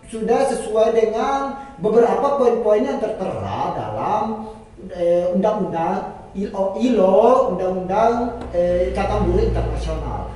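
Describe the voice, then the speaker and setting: A man playing a calm male guest in a staged TV debate who speaks in a measured, hesitant way. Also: high voice. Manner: measured, hesitant, restarts often. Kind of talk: staged TV debate role-play. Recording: very echoey room, mic far off.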